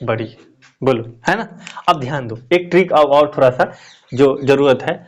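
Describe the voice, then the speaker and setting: A man's voice: medium pitch, normal speed. A male teacher giving a classroom lesson, often asking questions and repeating the answers.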